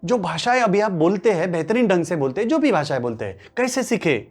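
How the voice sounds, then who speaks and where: A man's voice: high-pitched, big pitch swings, a little fast, husky. A man from Maharashtra whose first language is Marathi, giving a motivational workshop lecture as a coach who keeps asking rhetorical questions and answering them himself. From Maharashtra, India. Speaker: English-speaking coach.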